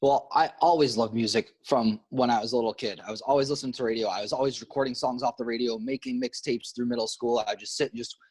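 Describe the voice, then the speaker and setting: Relaxed middle-aged interview guest, mid-pitched, quick delivery. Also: male voice, breathy edge. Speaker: guest, teacher and guitarist. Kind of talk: casual interview chat.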